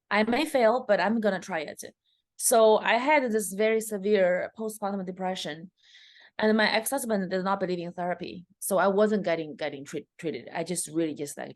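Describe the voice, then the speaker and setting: This woman in her thirties comes from China and speaks with a Chinese accent. She's a comedian guest in an interview, telling her story with lots of fillers. Her voice is mid-range, and there's no room sound.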